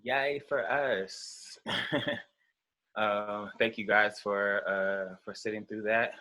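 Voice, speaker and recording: Webinar host, bright crisp voice, laid-back casual talk, video call. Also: sits low, slow pace, poor audio. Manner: relaxed, informal, laid-back.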